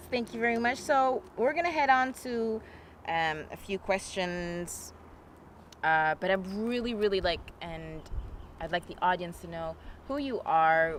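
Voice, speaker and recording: A woman from England hosts a casual interview in a slightly low voice. She speaks in a relaxed, halting way with frequent fillers, and soft traffic noise hums in the background. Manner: relaxed, hesitant, many fillers. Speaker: host.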